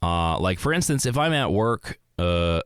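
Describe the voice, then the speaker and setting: A man's voice: sits low, measured pace, smooth, dry recording. Young guy rambling on his podcast, voice jumps all over, dead dry room. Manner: rambling, animated, acts out quotes in a raised voice. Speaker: podcast host. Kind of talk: rambling solo monologue. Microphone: close mic in a small dry space.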